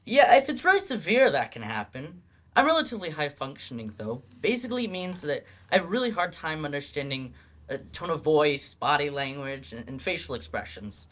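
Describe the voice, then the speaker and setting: A man plays a guarded adult male student in a stage-play delivery, sounding earnest, halting, and self-doubting with lively pitch swings. The mood is anxious and explanatory.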